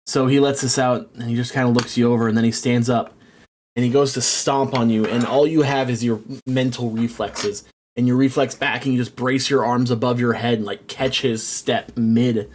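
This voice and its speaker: A man narrating a tabletop game as game master, rambling with many fillers and turning excitable when he rants. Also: medium pitch, normal speed, a little hiss or hum.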